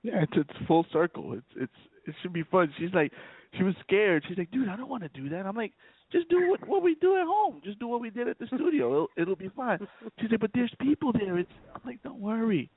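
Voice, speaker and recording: Pitched high and sing-song, a little fast and slightly rough, the rapper from New York's South Bronx speaks in a casual radio interview. His words come with stammering repetition and plenty of "you know," captured dry over a tinny phone line.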